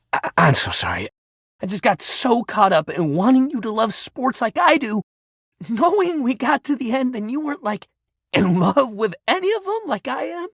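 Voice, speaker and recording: Here the video game's eager, sports-obsessed gym buddy sounds apologetic and deflated, his gravelly voice carrying a breathy edge while his pitch still leaps about animatedly. It's a full character voice in bro slang, like a coach anxious to please, recorded dry and close with no echo.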